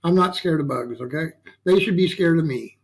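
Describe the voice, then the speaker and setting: A man's voice: on the high side, a little fast, poor audio. A man hosting a casual online interview, folksy and chatty, often tagging his sentences with "okay?" and "yeah". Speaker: talk show host.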